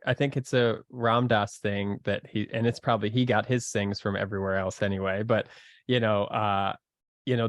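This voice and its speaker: A man's voice: fairly low pitch, no echo, studio quality. A man talking as a podcast guest in casual conversation, earnest and searching for his words with many fillers.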